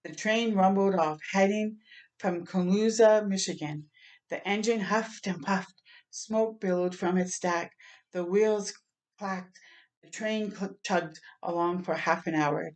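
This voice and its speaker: With a medium-pitched voice and a slightly slow pace, a woman tells a picture-book story to children, expressively acting out its sounds and exclamations and turning to her listeners with asides.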